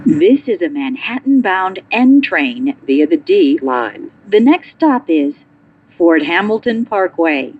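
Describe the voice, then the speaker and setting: A woman delivers a recorded subway announcement in a lowish voice with animated, swinging pitch. Her phrases are formulaic and slow, coming muffled through a train speaker with faint noise.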